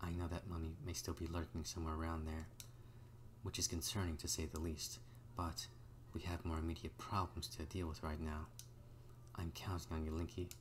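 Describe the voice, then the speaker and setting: A man with an extremely low voice plays through a video game. He reads dialogue aloud and comments casually. There is faint noise behind him. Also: level tone, brisk.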